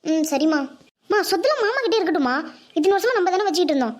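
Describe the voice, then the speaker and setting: A woman doing a tearful cartoon daughter, very high, quick, pleading and earnest. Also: big pitch swings. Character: tearful, upset teenage daughter. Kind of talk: Tamil cartoon voice acting.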